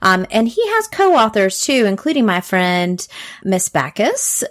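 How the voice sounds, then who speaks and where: A woman's voice: medium pitch, very animated, a little slow. A woman with a Southern American accent hosting a podcast, chatting casually with a guest and reading her show intro. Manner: friendly, chatty, laughs easily. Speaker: podcast host.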